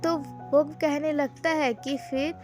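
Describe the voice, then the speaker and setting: Woman, high voice, casual drama recap, chatty storytelling, clear background music. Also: fairly even intonation, slow pace. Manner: chatty, loose storytelling with frequent fillers. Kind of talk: casual retelling of a drama plot.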